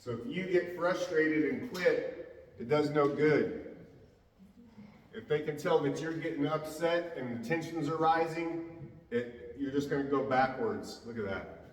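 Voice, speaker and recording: A man working as a dog trainer, explaining in a calm, easygoing way as he handles a dog. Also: on the high side, a little slow. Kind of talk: casual on-the-job explanation. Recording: roomy echo, distant from the mic.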